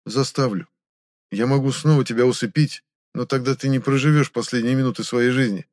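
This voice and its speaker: A man voicing a vengeful half-blood male slave who speaks quietly and flatly, without emotion. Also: mid-range voice, a little fast, no echo, studio quality, pitched above the performer's own voice, close to an everyday voice. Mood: cold. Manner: quiet, flat and detached.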